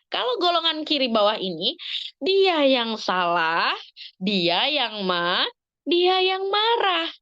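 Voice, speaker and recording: A woman speaking to parents in an Islamic study talk, lively and expressive, acting out examples with sudden rises in pitch. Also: no room sound, dull audio. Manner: lively, dramatic shifts in pitch, acts out examples.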